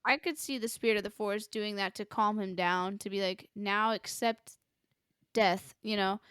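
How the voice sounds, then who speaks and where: Bright, crisp young woman chatting. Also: mid-range voice, brisk, no room sound, clean studio sound. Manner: animated, acts out characters in quotes. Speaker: podcast co-host. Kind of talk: casual chat about a film.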